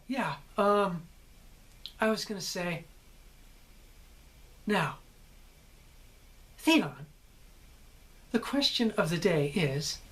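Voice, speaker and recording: A man's voice: high-pitched, fairly bright tone, exaggerated voice. Ramsay, a man doing a gleeful sadistic torturer. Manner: teasing, mock-friendly threats. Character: sadistic young male torturer, gleeful and menacing.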